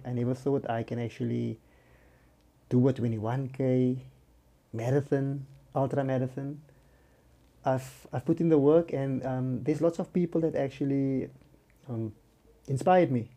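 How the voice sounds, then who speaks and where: A man's voice: medium pitch, fairly even intonation, a little slow, gravelly, mellow. A man with a South African accent chatting casually as an interview guest, often rounding off statements with a "yeah". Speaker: podcast guest, amateur runner.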